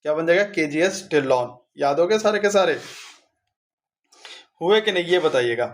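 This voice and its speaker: A man's voice: fairly high pitch, animated, moderate pace. A male exam coaching teacher revising memory tricks, asking questions and answering them himself in a chatty, friendly way. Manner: chatty, addresses students as bhai.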